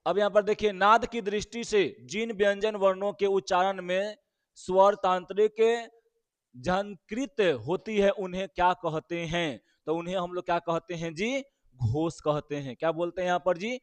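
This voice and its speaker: A man's voice: high voice, fairly even intonation, moderate pace, clean tone, dry recording. A male teacher, walking through exam questions and quizzing his listeners with rhetorical questions.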